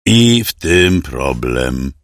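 A man's voice: rumbling low, very animated, extremely slow, no room sound, clean studio sound, voice pushed down, exaggerated voice. A man voicing a cruel, greedy young nobleman who speaks coldly and with menace in an audiobook story. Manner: cold, sneering, menacing.

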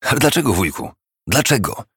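A man's voice: mid-range voice, big pitch swings, fairly quick, fairly bright tone, breathy edge, dry recording, studio quality, voice pushed up, full character voice. A man voicing a cheerful young nephew who speaks earnestly and pleads kindly with his uncle. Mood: pleading.

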